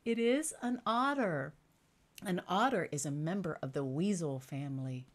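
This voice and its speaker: A woman's voice: fairly low pitch, expressive, moderate pace. A woman children's entertainer presenting to young children in simple, repetitive phrases, with the showy patter of a kids' party magician.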